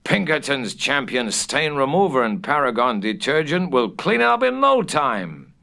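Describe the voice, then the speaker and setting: A man's voice: mid-range voice, sing-song, normal speed, gravelly, sharp tone, pitched above the performer's own voice, full character voice. A man voicing a confident, brash young American son in a storybook, emphatic and boastful. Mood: brash, triumphant.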